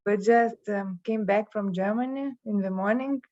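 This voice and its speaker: Woman from lithuania, cheerful, mellow voice, dull video-call sound. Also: mid-range voice, moderate pace, dry recording.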